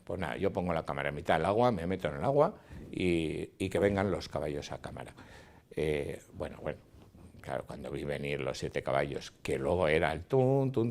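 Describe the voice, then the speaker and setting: A man's voice: very deep voice, creaky, a little mellow. An older man, a cinematographer telling stories in an interview, acting out dialogue and sounds. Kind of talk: interview reminiscence.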